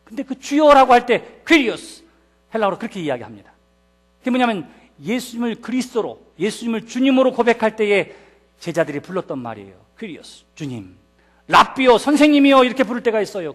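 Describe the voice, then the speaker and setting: High, lively-voiced male pastor preaching. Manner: emphatic preaching with rhetorical questions to the congregation. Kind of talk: sermon. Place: church service.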